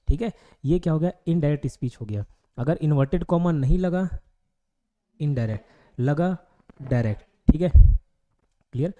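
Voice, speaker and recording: A man with an Indian English accent teaching a grammar class online. His voice sits somewhat high but sounds dark and mellow. He drills terms by repeating them and keeps asking the class rhetorical questions. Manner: repetitive, quizzing with rhetorical questions.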